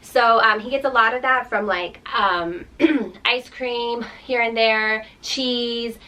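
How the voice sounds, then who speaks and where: A woman's voice: a little high, steady tone, slow pace, sharp tone. Chatty young mother talking at a distance. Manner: chatty, many ums and likes. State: out of breath. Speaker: vlogger, mother. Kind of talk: casual chat to camera. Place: home room. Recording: voice from a distance with faint noise.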